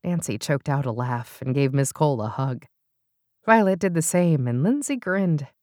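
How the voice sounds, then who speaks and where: Expressive woman narrating an audiobook. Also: deep voice, normal speed, no room sound, studio quality. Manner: expressive, smooth storytelling.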